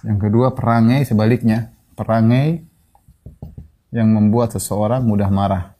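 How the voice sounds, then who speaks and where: A man giving an Islamic sermon in speech, teaching in a lively way, acting out quoted people and reciting Quran verses. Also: fairly low pitch, unhurried. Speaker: Islamic preacher.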